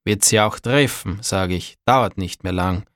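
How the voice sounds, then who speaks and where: A man voicing a brooding old farmer father who grumbles in a halting way. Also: sits low, a bit bright, no room sound, clean studio sound. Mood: gruff.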